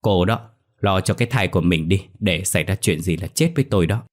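A man voicing a stern, sharp-tongued old mother-in-law who scolds in a ghost story reading. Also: low voice, brisk. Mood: scolding.

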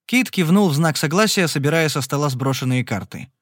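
A man narrating an audiobook in an even, measured reading. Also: fairly high pitch, dry recording. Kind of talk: scripted narration. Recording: dry close studio recording.

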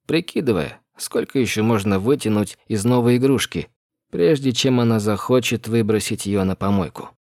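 A man reading an audiobook in a measured, even storytelling manner. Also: fairly low pitch, gravelly, no echo, clean studio sound. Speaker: audiobook narrator. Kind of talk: scripted narration.

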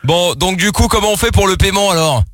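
A man playing a cocky small-time male bookie in a prank phone call, talking smugly and calmly and mocking the other man. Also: high-pitched, a little fast. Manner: smug, calm and mocking. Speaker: radio prank caller. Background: background music.

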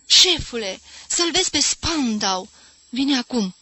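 A woman reading an audiobook voices a hoarse young man who yells frantically for a boxer in shrill, high shouts. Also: lively intonation, no room sound, full character voice. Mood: excited. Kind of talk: audiobook character voice.

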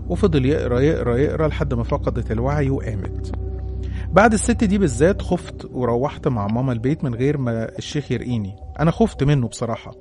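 Fast-talking Egyptian male storyteller. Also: medium pitch, mellow. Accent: Egyptian Arabic. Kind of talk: narrating a listener's horror story.

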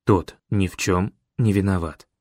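A man voicing a weary, gentle middle-aged father who speaks quietly and earnestly. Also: low voice, fairly even intonation, measured pace, dry recording, clean studio sound, pitched below the performer's own voice.

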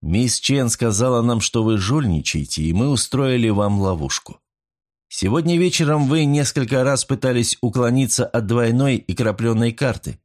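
A man voicing a cool young gentleman who answers coldly and firmly. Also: medium pitch, expressive, normal speed, lightly acted. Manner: cold, firm.

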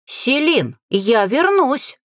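A woman's voice: medium pitch, big pitch swings, moderate pace, husky, no room sound, studio quality. Woman playing a cheeky persistent young mage. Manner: playful teasing, dashing grin in the voice.

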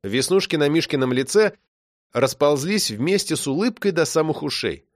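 A man narrating a children's story aloud with expressive delivery. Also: a little high, normal speed, no echo, clean studio sound. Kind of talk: audiobook reading of a children's story.

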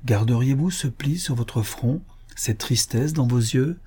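A man playing a tender older mother, affectionate, pleading, mellow, breathy. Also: mid-range voice, a little slow. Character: tender aging mother, gentle countess. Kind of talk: audiobook character reading.

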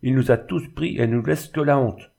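A man voicing a terse, hot-tempered middle-aged male charcoal burner who speaks curtly and gruffly, in a storybook reading. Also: on the low side, animated, normal speed, darkish tone. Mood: menacing. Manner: curt, gruff.

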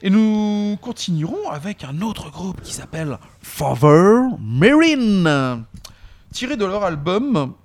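A man's voice: sits high, very animated, takes it slowly, soft background music. A man co-hosting a rock radio show, joking and laughing in casual banter. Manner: jokey and laughing, with wordplay.

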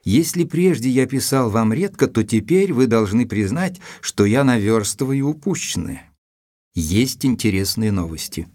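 An actor playing Dr Watson, an earnest, dutiful gentleman narrating his report in a measured, literary manner for an audio drama. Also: medium pitch, lively intonation, dry recording, studio quality. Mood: measured, reflective. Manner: measured, deliberate, literary phrasing.

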